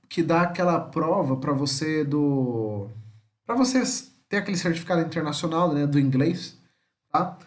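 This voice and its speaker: Man teaching English spelling. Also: on the high side. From Brazil. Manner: tags nearly every phrase with a questioning "tá?"; repeats English words slowly for pronunciation. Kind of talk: recorded homeschool lesson.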